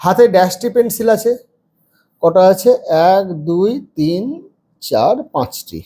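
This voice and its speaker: A man's voice: high-pitched, sing-song, a little slow, mellow. A man with a Bengali accent teaching a children's lesson, patiently spelling out words letter by letter and counting aloud. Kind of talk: reading lesson for young children.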